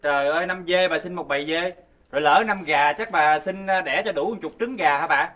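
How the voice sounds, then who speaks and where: Actor as a quick-talking, grumbling husband; distant stage mic, comedy. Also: male voice, fairly high pitch, fairly bright tone, natural voice. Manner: grumbling, mocking.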